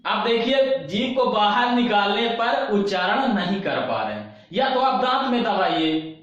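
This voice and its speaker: A man teaching an online class, asking questions and answering them himself, repeating key terms and slowly demonstrating sounds. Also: high-pitched, lively intonation, a bit bright. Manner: slow, drawn-out demonstration of sounds. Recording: very echoey, dull lo-fi room recording.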